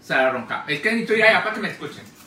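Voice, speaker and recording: A Mexican man tells gossip to his friends in a playful, campy way, his pitch swinging widely. He sits far from the mic in an echoey room with steady background noise. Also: rapid-fire, crowd noise. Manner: playful, camp, gossipy storytelling. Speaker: friend in group vlog. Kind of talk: casual chat. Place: indoors at a shared meal.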